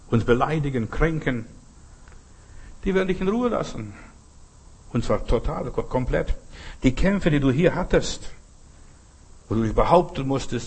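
A man delivers a sermon in a husky, slightly breathy voice at an average male pitch. He keeps hammering his points with repeated questions, leaning hard on each phrase. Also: darkish tone. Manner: repetitive, rhetorical questioning. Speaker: pastor.

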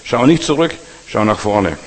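A male preacher with a husky voice giving a blunt, exhorting sermon to his congregation; German is not his first language. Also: fairly low pitch, big pitch swings, normal speed. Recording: long hall reverb.

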